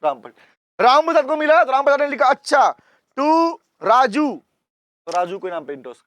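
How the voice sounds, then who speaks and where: Male commerce teacher, very high voice, dry close sound, repeats key terms. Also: big pitch swings, fast, a bit bright, dry recording. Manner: explains in Hindi mixed with English terms, repeats points, calls out to students. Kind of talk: classroom lecture.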